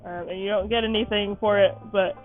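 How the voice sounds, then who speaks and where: A woman's voice: mid-range voice, fairly even intonation, fairly quick. A tired woman chats her way through a casual game playthrough, rambling and apologizing as she goes. Her voice comes through thin and phone-like, with faint background music. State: tired, yawning. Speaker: gaming channel host. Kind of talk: casual let's-play commentary.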